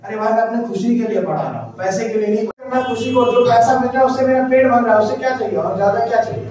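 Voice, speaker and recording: Heard far from the mic in a very echoey room, a man with a very high, slightly mellow voice tells a motivational story at a quick pace. His manner is loose and chatty, and he keeps quizzing his listeners with questions.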